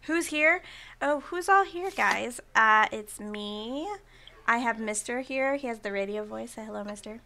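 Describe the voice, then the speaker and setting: Giggly woman streamer hosting game night; raised pitch, crisp and bright. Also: unhurried. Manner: chatty, giggly, rambling with fillers. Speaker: stream host and board game player. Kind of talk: casual chat while playing.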